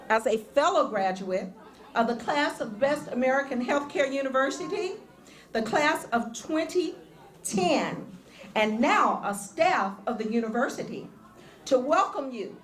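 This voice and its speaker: Woman hyped up giving a graduation speech, high voice, booming echoey hall. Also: fairly bright tone. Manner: exuberant, laughing, repeats lines for emphasis. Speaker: graduate and university staff speaker. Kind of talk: excited commencement speech. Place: large ceremony hall.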